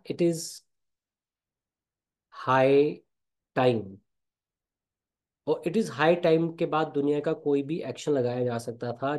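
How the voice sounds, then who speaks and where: A man with an Indian accent teaching a spoken English lesson, explaining slowly and repeating example phrases. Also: a little high, darkish tone.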